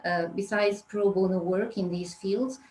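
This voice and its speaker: A woman's voice: medium pitch, steady tone, measured pace, darkish tone, echoey room, slight background noise, poor audio. A woman moderating an event, formally introducing the next speaker as if reading from notes.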